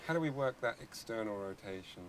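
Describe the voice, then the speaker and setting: A man with a low voice asks about yoga practice in a relaxed interview. He searches for words and restarts his phrases. A faint hiss sits under the recording. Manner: halting, searching questions with restarts. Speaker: yoga teacher asking questions. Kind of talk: conversational interview.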